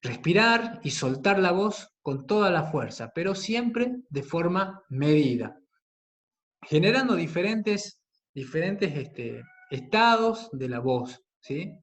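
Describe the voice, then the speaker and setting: A man teaching a class on radio production, speaking slowly and deliberately and often checking in with his listeners. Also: on the high side, very animated. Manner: patient, with frequent "¿sí?" and "¿bien?" checks; slow and deliberate on key words, with some fillers.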